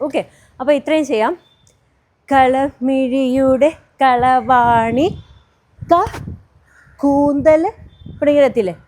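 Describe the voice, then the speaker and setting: A woman teaching a dance step by step, counting beats aloud and singing song lines slowly as cues. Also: high-pitched, darkish tone.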